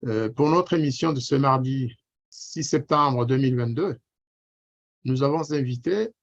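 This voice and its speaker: A man hosting a radio interview, speaking formally and welcoming his guest, with frequent fillers. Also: mid-range voice. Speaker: radio host. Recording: dull, lo-fi sound.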